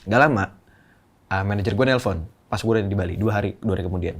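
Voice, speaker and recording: A young man with a fairly low voice speaks as a podcast guest. He talks candidly and emotionally, in loose, slangy casual speech full of fillers, as he works through a personal story. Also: quick pace.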